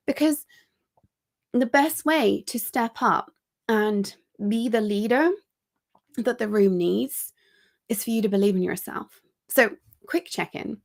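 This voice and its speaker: Over a video call, a woman with a slightly high voice and vocal fry leads an energetic, chatty live online training as an executive coach. She talks into her computer mic, dropping in quick asides and lots of ums.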